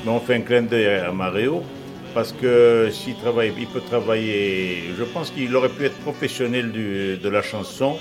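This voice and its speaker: A man's voice: fairly low pitch, normal speed, over music. A man co-hosting a radio show, speaking to the listeners in an appreciative way. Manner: warm praise addressed to listeners. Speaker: radio co-host. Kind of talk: chatty radio talk.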